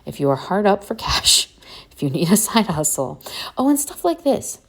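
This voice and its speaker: A woman's voice: medium pitch, sing-song, moderate pace. A woman hosting a casual how-to video, chatty and eager, talking straight to her viewers. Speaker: vintage reseller host. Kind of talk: casual how-to talk to camera.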